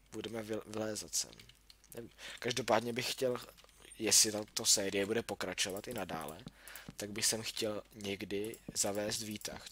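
With a voice on the low side and a fairly bright tone, a young man narrates his own gameplay as a gaming YouTuber, chatting to himself and yelping when startled. Keyboard and mouse clicks come through clearly in this casual let's-play, over slight background noise.

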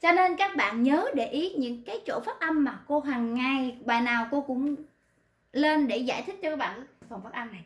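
A woman teaching Korean pronunciation in an online class, patiently repeating words slowly to model them. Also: high voice, expressive. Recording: roomy echo.

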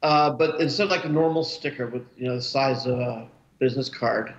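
A man's voice: medium pitch, brisk. A man in his forties, a guest speaking casually over a webcam call from a room at home, rambling with many restarts and fillers. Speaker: cartoonist guest. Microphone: webcam video call. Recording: roomy, dull video-call audio.

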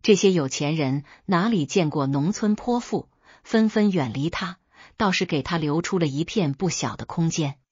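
Storyteller reading a family drama, husky and low-pitched, dry sound. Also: female voice, expressive, moderate pace, darkish tone, no room sound, muffled recording. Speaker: story narrator. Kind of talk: scripted story narration.

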